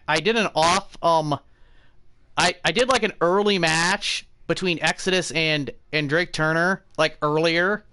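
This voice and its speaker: A man streaming a wrestling game, talking excitedly and often clearing his throat. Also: fairly high pitch, dry recording. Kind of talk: casual game-stream commentary.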